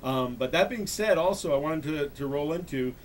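A man's voice: on the high side, expressive, normal speed, a little hiss or hum. A man in his thirties hosting a casual interview chat in a small room, a little way from the camera. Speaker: host. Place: small furnished room, indoors.

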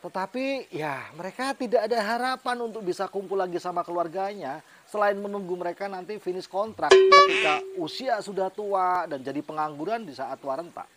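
A man's voice: high voice, normal speed, noisy background. A middle-aged man telling a personal story in a vlog, chatty and motivational, laughing often. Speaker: network marketing team leader.

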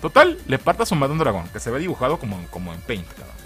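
A man's voice: medium pitch, wildly swooping pitch, fast, fairly bright tone, soft background music. A man with a Mexican Spanish accent giving a casual spoken video review, joking, swearing and laughing often.

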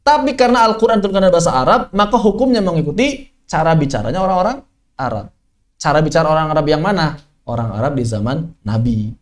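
A man from West Java's Sundanese region leads an online tajwid class in a high, bright voice. He teaches in a lively, joking way, tossing rhetorical questions at his students and laughing along with them. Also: fast talker. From Sundanese region of West Java, Indonesia. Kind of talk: online Quran recitation lesson. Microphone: online class microphone.

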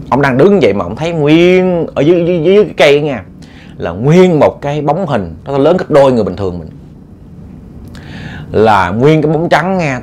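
A man with a Southern Vietnamese accent narrating a ghost story in an animated, dramatic way, often repeating words as he builds tension. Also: medium pitch, slight background noise. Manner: animated, dramatic, repetitive stammering.

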